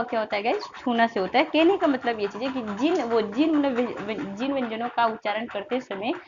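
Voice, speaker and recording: Woman teacher, high voice, sounds out syllables in drills, lo-fi sound. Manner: repeats questions and answers them herself, drills sounds aloud. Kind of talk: online grammar lesson for exam students. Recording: slightly dull lo-fi sound with faint noise.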